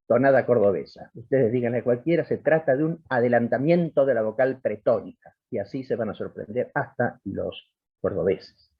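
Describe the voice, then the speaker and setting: Male lecturer. Slightly husky voice, dull lo-fi online call sound. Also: mid-range voice. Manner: explanatory, stops to sound out example words. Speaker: linguistics lecturer. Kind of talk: academic lecture.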